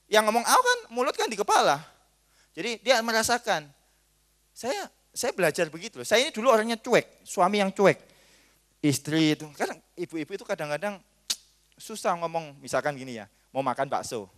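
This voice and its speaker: A pastor preaching at a marriage seminar, joking and acting out little scenes between husband and wife. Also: male voice, high-pitched, normal speed. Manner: jokey and animated, acts out little scenes. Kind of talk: lively seminar sermon.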